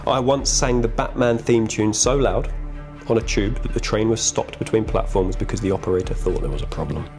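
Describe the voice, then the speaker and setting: A man's voice: lowish voice, fairly quick, darkish tone, faint music behind. A British man, an actor, chatting casually in a matey, joking, sweary way. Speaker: actor promoting a comedy film. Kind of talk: casual banter in a game chat.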